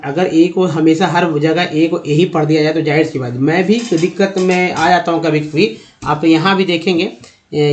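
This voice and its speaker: Over slides, a man with a slightly high voice teaches a lesson, posing questions and answering them himself. He repeats words slowly to demonstrate their sound.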